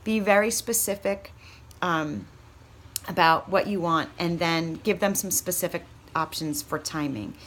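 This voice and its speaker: Like a coach addressing new consultants, this woman runs an informal training session with acted sample pitches, sounding chatty, candid, encouraging and emphatic. Her voice sits on the low side, a touch bright, and moves a little slowly.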